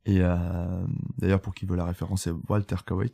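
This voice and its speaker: Low-pitched and monotone, with creakiness and a warm tone, a man speaks at a moderate pace as a guest on a casual podcast interview. He's a photographer in his twenties from Italy, a native Italian speaker using French, and he tells his story candidly with plenty of fillers and restarts.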